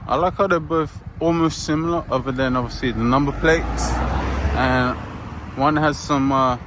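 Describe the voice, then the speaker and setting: A man's voice: medium pitch, steady tone, normal speed. Man chatting at a car meet. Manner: enthusiastic, chatty car talk. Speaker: car vlogger. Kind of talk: casual vlog commentary. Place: outdoors at a pub car meet. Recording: outdoor recording with traffic noise. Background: passing cars and motorbikes.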